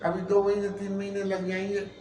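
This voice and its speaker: A middle-aged man giving a devotional scripture discourse, telling the story slowly and deliberately with long pauses. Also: high voice, monotone, mellow, a little hiss or hum. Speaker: Ram katha preacher. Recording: roomy echo with faint ambience.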